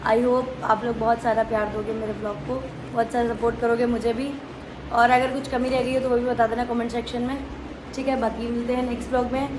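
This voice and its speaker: A woman's voice: on the high side, flat delivery, a little fast, background noise. A young woman from India narrating her vlog in a heartfelt, chatty way, mixing English words into her talk. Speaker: vlogger. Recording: voice over loud background music.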